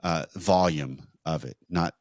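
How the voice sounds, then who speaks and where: A man co-hosting a marriage podcast, teaching in a measured, explanatory way with rhetorical questions. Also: sits low, a little mellow, no room sound, clean studio sound.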